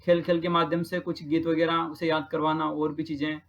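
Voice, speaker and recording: A man's voice: fairly high pitch, completely flat delivery, brisk, a bit bright, highs cut off. A man from Rajasthan who teaches, patiently talking through practice exam questions and repeating each answer with frequent check-ins. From Rajasthan, India.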